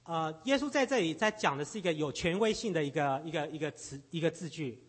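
A man's voice: on the high side, animated, quick pace. A man interpreting a sermon phrase by phrase, often repeating words and hesitating as he searches for the right wording.

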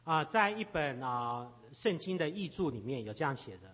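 A man's voice: on the high side, expressive, moderate pace, a bit bright. A man interpreting a sermon phrase by phrase, often repeating words and hesitating as he searches for the right wording.

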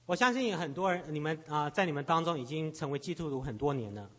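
A husky, fairly high-voiced man interprets a sermon phrase by phrase. He halts and repeats words as he works out each line, keeping pace with the preacher. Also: expressive, quick pace, fairly bright tone. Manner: hesitant, repeats words while searching for phrasing.

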